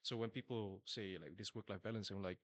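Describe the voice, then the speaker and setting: A man's voice: fairly low pitch, fairly even intonation, fairly quick, no room sound. A man from Malaysia, a startup founder, chatting casually as an interview guest, laughing often and tagging "you know".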